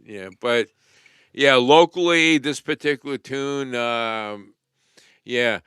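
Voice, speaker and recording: A musician chats on a podcast in a modest, halting manner, often stammering and restarting. His voice is very clear and bright, and it is recorded close and dry. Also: medium pitch, no echo. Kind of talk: casual podcast banter.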